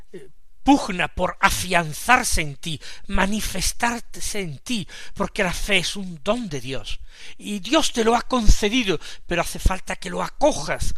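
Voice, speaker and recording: A man from preaching a radio Gospel reflection, slow and measured, with sudden emphatic swells in loudness. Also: high voice, no room sound. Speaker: preacher commenting the daily Gospel.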